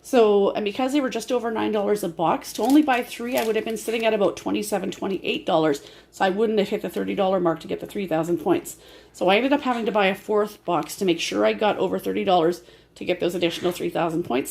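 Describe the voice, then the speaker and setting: A woman with a breathy voice, short of breath from bronchitis, chatting casually in a rambling, explanatory way as an amateur vlogger filming on a handheld phone at home. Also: mid-range voice, quick pace, a little mellow. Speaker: amateur grocery haul vlogger. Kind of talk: casual chatty haul narration. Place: indoors at home.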